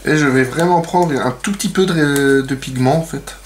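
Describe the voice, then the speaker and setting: A man's voice: on the high side, normal speed, slight background noise. Chatty man demoing a craft tutorial. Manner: chatty, many fillers and "donc"; playful self-mocking asides. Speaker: nail art tutorial host. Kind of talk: casual how-to demonstration.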